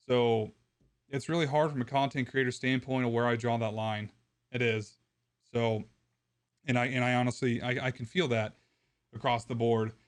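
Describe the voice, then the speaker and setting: A man who makes gaming videos, ranting to his viewers in a frustrated, rambling way with many restarts, his voice going hoarse. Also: medium pitch. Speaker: gaming content creator. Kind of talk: opinion rant to camera.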